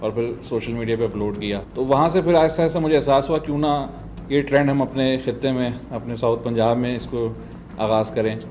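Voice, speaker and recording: This doctor and motorbike traveller, a middle-aged man from Multan, South Punjab, Pakistan, talks through his story casually as a podcast interview guest, his southern Punjab accent clear. His mid-range, darkish voice holds a steady tone at a brisk pace, with a little hiss or hum in the recording.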